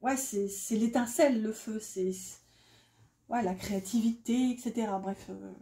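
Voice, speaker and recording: A woman's voice: on the high side, normal speed, warm tone. A woman doing a casual tarot reading, chatty and self-mocking, with many fillers. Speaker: tarot reader. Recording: echoey room.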